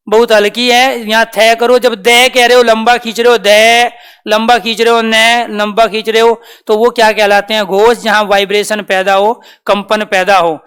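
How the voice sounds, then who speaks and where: Male teacher, exam-prep lecture; even, level delivery, keeps asking listeners questions and answering them. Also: very high-pitched, smooth. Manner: repeats key terms and quizzes listeners with rhetorical questions; addresses listeners as dear friends.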